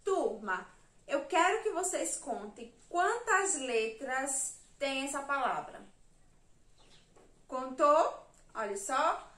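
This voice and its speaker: A woman's voice: high voice, lively intonation, slow pace, fairly bright tone. A Brazilian woman teaching young children in a remote lesson, patiently counting letters and syllables aloud. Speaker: primary school teacher. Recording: echoey room, mic at a distance.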